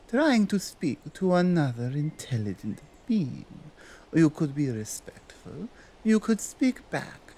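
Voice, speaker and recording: A woman with a Nordic accent playing a dominant, stern yet coaxing Krampus in a slow, deliberate ASMR roleplay. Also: deep voice, a little mellow, breathy edge, full character voice. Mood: stern, commanding. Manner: deliberate, commanding, halting non-native phrasing.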